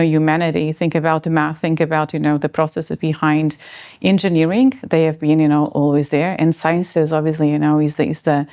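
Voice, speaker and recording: A woman's voice: sits low, darkish tone. A woman from Portugal in her forties, answering interview questions in a hesitant way, with many fillers and restarts.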